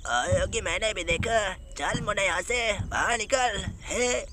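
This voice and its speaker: A man's voice: high voice, a little slow, noisy background. A man voicing a bossy older cartoon buddy who scolds and orders his friend around, acting over gameplay. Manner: bossy, scolding, starts lines with "aaye".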